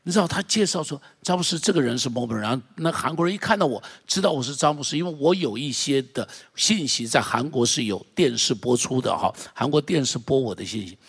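A man pastor preaching a sermon in an animated way, leading the congregation in repeating phrases. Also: medium pitch, fast talker, creaky, hardly any pauses, slightly rough.

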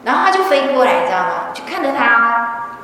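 Middle-aged woman telling a story, pretty high voice, mic far off in a big echoey hall. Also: lively intonation, a little fast, pushed and bright, slight background noise. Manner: chatty, acts out quoted dialogue, tags sentences with "ha". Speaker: member sharing a testimony at a religious gathering. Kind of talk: casual storytelling.

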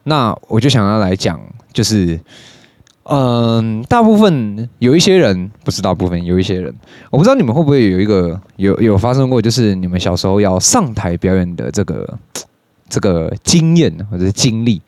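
A young man with a Taiwanese Mandarin accent tells a casual, rambling story into a close, dry studio mic. His voice sits fairly low, and he curses freely between his stories. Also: big pitch swings, moderate pace, darkish tone, dry recording. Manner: swears often, jumps into high-pitched mimicry of others. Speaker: podcast host.

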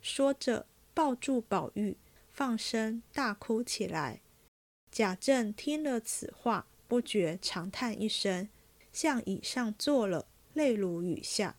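A woman reading a classic novel aloud as a podcast host, in steady, measured storytelling. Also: on the high side.

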